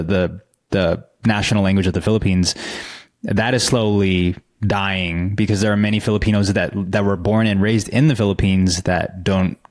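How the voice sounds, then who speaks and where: A man with a fairly low voice hosts a podcast conversation. He speaks earnestly and thoughtfully, stumbling over restarts as he works toward his question. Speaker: podcast host. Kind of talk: podcast interview.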